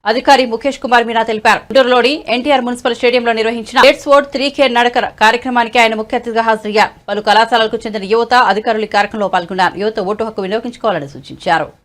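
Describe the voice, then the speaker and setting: Rapid-fire woman news anchor. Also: on the high side, steady tone, a bit bright. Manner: brisk formal delivery. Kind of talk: scripted news reading.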